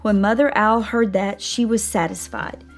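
A woman narrating a children's storybook read-aloud in a lively, animated manner. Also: mid-range voice, moderate pace, soft background music. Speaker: storybook reader.

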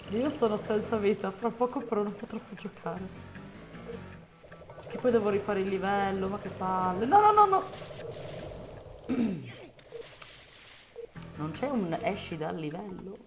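A woman's voice: mid-range voice, a little slow, pauses often. A woman commenting live on her gameplay, talking to the game and bursting out in frustration and swearing. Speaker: gameplay streamer. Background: game music.

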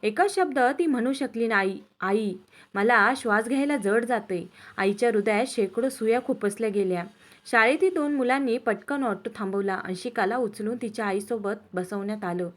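A woman storyteller reading a sad story aloud in a slow, dramatic, emotional way. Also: a little high. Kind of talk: scripted story narration.

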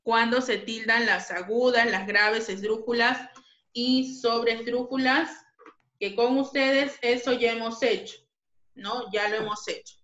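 A woman's voice: a little high, fairly even intonation, a little slow, fairly bright tone, highs cut off. A woman teaching a grammar lesson to pupils, patient and repeating each point. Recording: echoey room.

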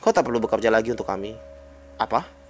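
A fast-talking man with an Indonesian accent reads a visual novel aloud, with a little hiss or hum on the recording. Between lines he makes casual remarks; he voices each character as himself but jumps to a high pitch for excited dialogue.

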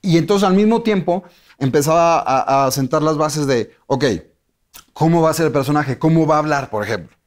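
Un hombre con acento mexicano que cuenta su carrera en una entrevista, con muchas pausas y reinicios. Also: male voice, on the high side. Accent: Mexican Spanish. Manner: rambling, many restarts and fillers. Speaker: interview guest, TV personality. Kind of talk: casual interview chat.

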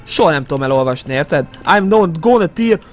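A young man with a Hungarian accent commentating a horror game, excitable and jumpy, muttering to himself between yelps. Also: a little high. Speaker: gaming YouTuber. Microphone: headset. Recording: faint game music behind.

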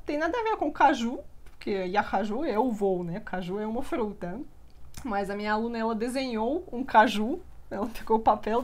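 A young woman, a native Russian speaker, teaching a live online language lesson in a lively way, often checking in with her listeners. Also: fairly high pitch.

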